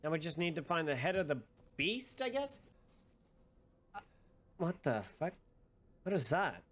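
A man's voice: fairly high pitch, sing-song, a little slow, fairly bright tone, slight background noise. A young man giving casual, sarcastic, sweary commentary as he plays a game. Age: young adult. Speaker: gaming streamer. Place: small bedroom-like room indoors.

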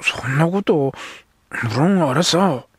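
A man's voice: a little high, expressive, takes it slowly, no room sound, pitched above the performer's own voice, exaggerated voice. A man doing a sulky edo street boy. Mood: sulky, gruff. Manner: coarse Edo slang, gruff. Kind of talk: audiobook character voice.

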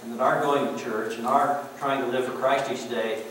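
A middle-aged male pastor delivers a homespun, folksy sermon in a church sanctuary, chuckling and saying "you know" as he preaches conversationally. His voice is medium-pitched, steady, a bit bright, and at normal speed, captured in an echoey, distant room with a little hiss or hum.

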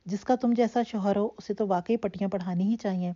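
A woman's voice: medium pitch, fairly even intonation, dark tone, close to an everyday voice. A woman voicing a young female cousin who jokes and teases, in a dull lo-fi recording. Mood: teasing. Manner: mischievous, joking. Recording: dull lo-fi audio.

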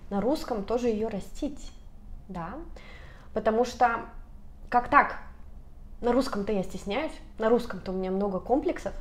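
A vlogger in her thirties talks to the camera casually, speaking in a mid-range voice with lots of animation and gesturing. She's recorded on a lapel mic in a bright apartment room.

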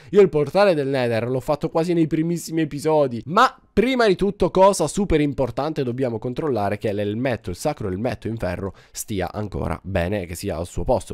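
A man with a cold and sore throat giving excitable, exclamatory gameplay commentary to his viewers. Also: mid-range voice, no room sound, clean studio sound. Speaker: gaming YouTuber.

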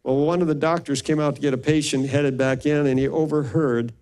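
A man's voice: fairly high pitch, brisk, smooth. Older male pastor telling his story. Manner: animated storyteller acting out quoted voices. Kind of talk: sermon testimony storytelling.

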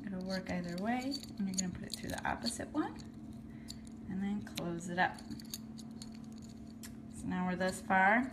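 A woman's voice: medium pitch, moderate pace, pauses often, noisy background. Casual woman talking through a craft tutorial. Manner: friendly and practical, talking while working with her hands. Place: indoors at a table. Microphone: phone camera filming hands from above.

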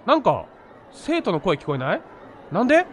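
A man with a high voice and huge swings in pitch casually commentates a horror game at a moderate pace, with slight background noise. He's a gamer talking to himself, narrating each step and reading the on-screen text aloud.

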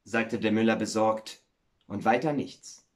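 A male stage actor reading a fairy tale aloud for children, expressive and slowing down for effect. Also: on the low side.

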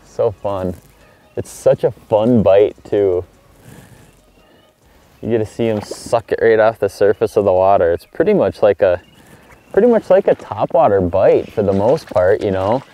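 Brief: middle-aged male fishing host, low mellow voice, easygoing outdoor how-to. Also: measured pace. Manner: relaxed, upbeat, excited exclamations when fish bite. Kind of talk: casual on-the-water fishing tutorial. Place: outdoors on a kayak on a small lake.

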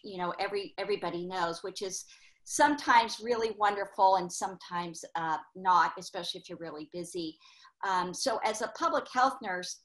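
A woman's voice: mid-range voice, a bit bright, rough recording. Woman, school nurse, conversational panelist on a video call, lots of fillers.

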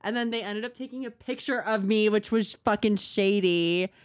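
A woman's voice: mid-range voice, normal speed. A woman co-hosting a podcast, telling a story in casual chat, acting out what people said and swearing freely. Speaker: podcast co-host.

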